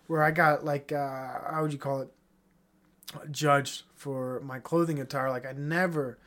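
A man's voice: medium pitch, steady tone, a little slow, fairly bright tone. A young man hosting a solo podcast, ranting in a profane, heated way, then trailing off into mumbles. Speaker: podcast host.

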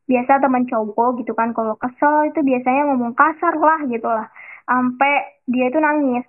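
A young woman with a high voice hosts a casual solo podcast, chatting in loose slang and talking right to her listeners. The sound is thin and tinny, like it came through a phone line. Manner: chatty slangy storytelling, addresses listeners directly. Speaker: podcast host.

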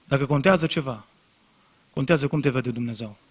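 A man preaching a sermon as pastor, speaking straight to the congregation and building to loud, impassioned emphasis. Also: mid-range voice, husky. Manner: addresses congregation directly and repeatedly.

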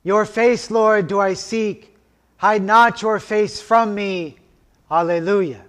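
A man leading a liturgy as officiant, intoning prayers and scripture in a solemn, measured way, his voice ringing in a cathedral echo. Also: high-pitched, fairly even intonation. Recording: long church reverb.

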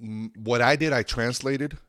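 This Reno-area comedian from Nevada's Lake Tahoe region talks casually on a podcast, rambling through anecdotes in an earnest, slangy manner and swearing now and then. His mid-range voice is steady, a little slow and a bit bright, recorded at studio quality with no room sound.

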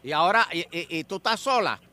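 A man's voice: sits high, animated, brisk, very noisy. A man co-hosting a comic radio show, joking theatrically with his co-hosts. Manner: theatrical, playing an exasperated old man. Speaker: radio co-host.

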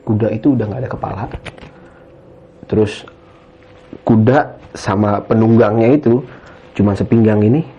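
Mellow-voiced man rambling through a story. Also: lowish voice, moderate pace, pauses often. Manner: rambling, keeps adding "gitu ya kan" and calling the listener "Bang". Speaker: guest telling a hiking ghost story. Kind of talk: casual spoken storytelling. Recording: dull lo-fi sound.

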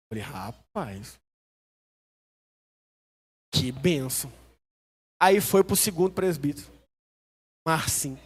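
A man with a Brazilian Portuguese accent, a pastor preaching a sermon in a church hall, telling stories in an animated, humorous, self-mocking way. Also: a little high. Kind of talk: storytelling sermon.

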